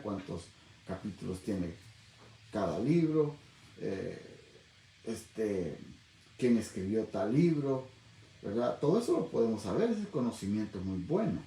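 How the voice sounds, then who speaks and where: A man's voice: medium pitch, mellow, echoey room, a little hiss or hum, rough recording. A man teaching the Bible on the radio in a conversational preaching style, often checking in with his listeners by asking "¿verdad?". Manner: conversational, constantly asks "¿verdad?".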